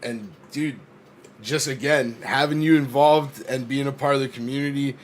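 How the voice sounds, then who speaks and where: A man hosts a laid-back livestream, friendly and loose. He fills his sentences with small pauses and "uh"s. A faint noise sits under his voice. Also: mid-range voice. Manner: relaxed, friendly, filler-heavy. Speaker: stream host. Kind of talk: casual livestream chat.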